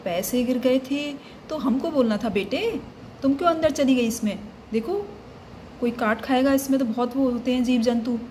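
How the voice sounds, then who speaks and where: Scolding, caring uncle doll, voiced by a woman, high voice, light background hiss. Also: moderate pace, dark tone, close to an everyday voice. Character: fussing uncle doll, adult man. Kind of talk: doll play storytelling.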